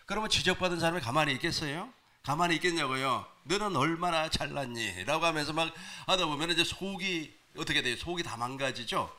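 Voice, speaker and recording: A male pastor preaching a sermon to his congregation, animated, asking them questions. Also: on the high side, quick pace. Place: church sanctuary.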